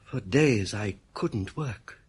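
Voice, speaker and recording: Taking it slowly, a fairly low, expressive male voice with a breathy edge gives a full character performance. He portrays an uneasy, suspicious composer in a radio thriller, confiding his story in troubled first-person narration and dialogue.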